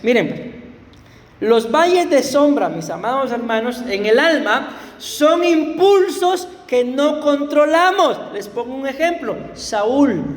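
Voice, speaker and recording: Costa Rican male pastor, high voice, storytelling sermon, echoey church hall. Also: a little hiss or hum. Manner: storytelling, laughing, addressing congregation as beloved brothers.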